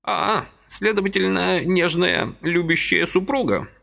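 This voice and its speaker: A man putting on a high, fussy frail old man. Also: lively intonation, unhurried, vocal fry, sharp tone, full character voice. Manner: high, fluttering, apologetic.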